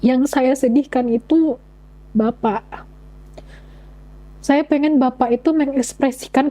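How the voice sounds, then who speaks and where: A young woman giving an earnest personal testimony, speaking in halting phrases with many restarts. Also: sits high, mellow, poor audio. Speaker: convert sharing her story.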